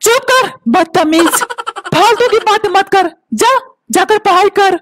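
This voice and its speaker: Squeaky-high bossy cartoon husband, scolds and barks orders, a woman voicing him. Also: animated, a little slow, noisy background. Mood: scolding. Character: bossy grumpy husband, middle-aged man, short-tempered. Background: background music.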